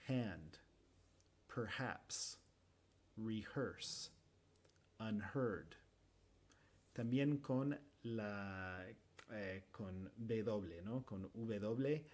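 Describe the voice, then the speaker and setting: A man's voice: medium pitch, darkish tone. An American man whose first language is English, teaching English pronunciation in Spanish and carefully demonstrating sounds and repeating example words. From United States.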